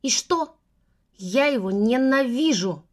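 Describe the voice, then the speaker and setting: A furious teenage girl lashes out in loud, spiteful bursts, played by a woman narrating. She is hateful and defiant, an audiobook figure. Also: mid-range voice, expressive, moderate pace, natural voice.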